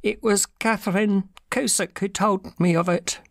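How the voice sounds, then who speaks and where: A woman's voice: medium pitch, steady tone, measured pace, creaky, no room sound. Woman playing a cowardly, nervous little man, dry sound. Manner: nervous, pleading, deferential. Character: small, cowardly, frightened man, pleading and servile. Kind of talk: audiobook dramatic reading.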